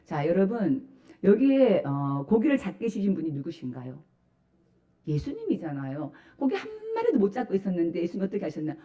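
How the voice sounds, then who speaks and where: A woman's voice: on the low side, very animated, fairly quick, dull audio. A woman pastor giving a Sunday sermon in a church, putting rhetorical questions to the congregation and preaching with emphasis. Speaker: senior pastor. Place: church sanctuary.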